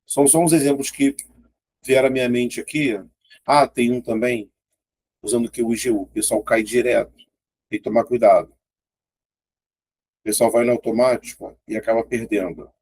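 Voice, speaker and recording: A man's voice: mid-range voice, fairly even intonation, normal speed, long pauses, darkish tone, breathy edge. A man with a Brazilian Portuguese accent teaching an exam-prep grammar lesson in a casual, chatty way, often pointing things out and checking in with his students.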